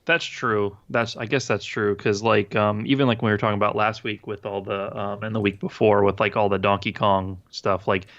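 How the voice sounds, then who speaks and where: On a casual gaming podcast, a co-host with a low, gravelly, slightly bright voice rambles through his points, full of fillers, restarts and swearing. His delivery is flat and moderately paced with hardly any pauses, heard through a dull, lo-fi remote recording.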